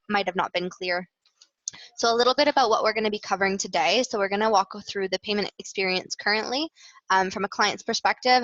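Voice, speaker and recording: This client success manager, a woman with a Canadian accent, demos a product during a webinar in a relaxed, explanatory manner, often hesitating. Her mid-range voice has a slight brightness. The sound is somewhat dull and echoey, typical of webinar audio.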